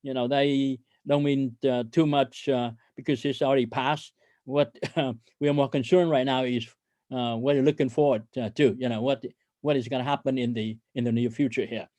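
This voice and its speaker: On an earnings call with investors, a male CEO delivers the presentation in a steady, mellow, mid-pitched voice. His speech is hesitant and halting, with frequent stumbles, and the recording has almost no echo.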